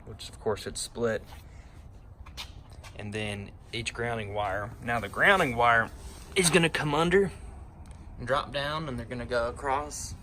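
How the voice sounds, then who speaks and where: Inside a pickup truck cab, a DIY how-to presenter with a medium-pitched, bright, forceful voice walks through an installation unscripted, explaining and pointing out each step. The handheld recording picks up a lot of vehicle noise.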